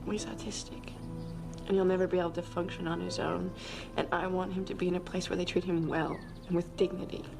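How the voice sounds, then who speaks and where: An actress playing a coolly manipulative, seductive lover in a television crime drama, her voice sometimes breathy. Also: fairly low pitch, level tone, brisk, music in the background. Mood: pleading, calculated.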